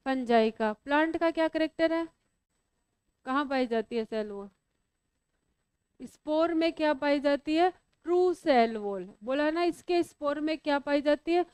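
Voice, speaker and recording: A woman's voice: high voice, darkish tone, dry recording. A woman teaching biology to a class, asking students questions and teasing them as she explains. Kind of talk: classroom lecture.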